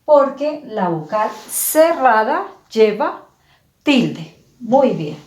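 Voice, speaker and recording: A patient woman teacher with a fairly high voice talks very slowly and clearly, breaking words into syllables for her students. The recording has a noticeable room echo. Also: sing-song, darkish tone. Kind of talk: slow, clear classroom explanation.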